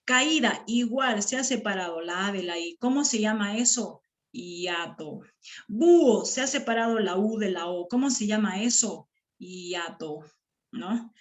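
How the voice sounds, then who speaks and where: Woman, teacher, classroom grammar lesson, slow syllable-by-syllable words, frequent checking questions. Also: medium pitch, expressive.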